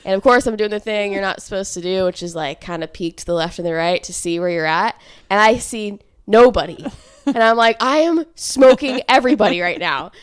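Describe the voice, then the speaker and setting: A woman in her thirties co-hosting a podcast, telling an embarrassing story in casual chat and acting out quotes with big jumps in pitch. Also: a little fast, clear, resonant tone, dry recording, studio quality. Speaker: podcast co-host.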